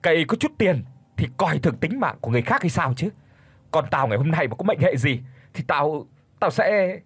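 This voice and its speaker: A man voicing a frantic middle-aged father who pleads and shouts in a hurry, with a husky voice. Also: a little high, very animated, no room sound. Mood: furious. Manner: desperate, shouting, hurried.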